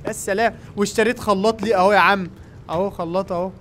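A young man with an Egyptian Arabic accent giving excited running commentary on a game and talking to his viewers. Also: sits high, fast talker, a little hiss or hum. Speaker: gaming YouTuber. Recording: game music playing behind.

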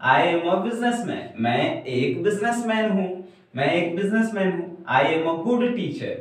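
Slow-talking young male teacher in an echoey room. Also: high-pitched, expressive, distant mic. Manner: slow, repetitive teaching, saying each example twice. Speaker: spoken English teacher. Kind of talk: classroom lesson. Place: classroom in front of a whiteboard. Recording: very echoey room, heard from afar.

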